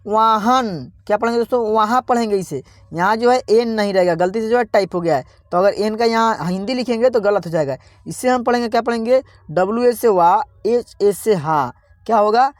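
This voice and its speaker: A man with a rather high voice leads an online lesson for beginners. He spells words out piece by piece in a patient, repetitive way and keeps quizzing his viewers. The sound is dry and close, with no room echo. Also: fairly quick. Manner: friendly, addresses viewers as friends. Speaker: English teacher.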